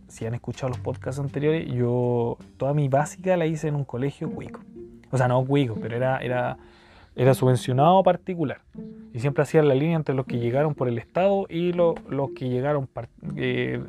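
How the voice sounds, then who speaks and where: A young Chilean man in his twenties spins casual, joking stories from his own life, full of slang and side tangents. His voice sits at an ordinary middle pitch, and music plays clearly behind him. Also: fairly quick, warm tone. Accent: Chilean Spanish. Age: 20s. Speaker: podcast host. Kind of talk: casual storytelling podcast.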